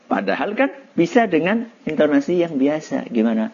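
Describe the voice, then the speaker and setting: Male religious teacher, animated pitch, husky warm tone, lo-fi classroom recording. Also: a little slow. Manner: lively, quizzing students, laughing. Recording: dull lo-fi recording.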